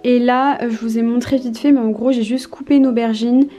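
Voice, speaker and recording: A woman's voice: a little high, fairly even intonation, a little fast, warm tone. A young woman in her twenties from France, chatting casually to camera in a vlog at home, with many hesitations and fillers. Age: 20s. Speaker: vlogger. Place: indoors at home. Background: background music.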